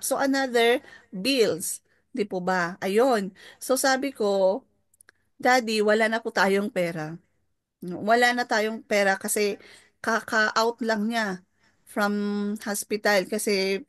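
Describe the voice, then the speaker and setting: A woman's voice: a little high, dry recording, studio quality. A middle-aged woman with a Filipino accent sharing a personal testimony as a mentor, politely mixing English into her talk and checking in with listeners. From Philippines. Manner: mixes English into Tagalog, polite, tag questions to listeners.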